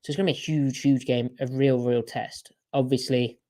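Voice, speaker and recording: A man's voice: mid-range voice, fairly even intonation, normal speed, warm tone. A man co-hosting a podcast in casual sports chat, talking in a chatty way with strings of rhetorical questions. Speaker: podcast co-host.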